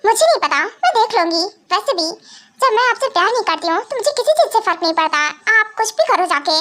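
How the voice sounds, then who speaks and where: A woman plays a defiant young bride in a homemade fan drama. Her voice is very high and bright, and she speaks in a cold, curt, dismissive way. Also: animated, fast, heavily acted. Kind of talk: amateur Hindi fan drama.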